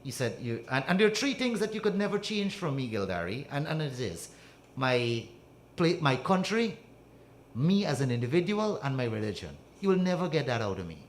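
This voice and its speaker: Middle-aged Guyanese radio co-host, stumbling repeats, mid-pitched voice, light background hiss. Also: male voice, big pitch swings. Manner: halting, repeats words, grows loud and proud. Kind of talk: casual radio talk. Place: radio studio. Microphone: studio mic with headphones.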